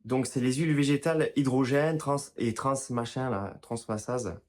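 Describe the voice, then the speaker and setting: A man's voice: medium pitch, moderate pace. A man giving casual health advice to his viewers, talking informally and directly to them, often restarting his sentences. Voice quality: apologizes for his own pronunciation. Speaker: health and wellness video creator. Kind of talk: casual explanatory talk to camera.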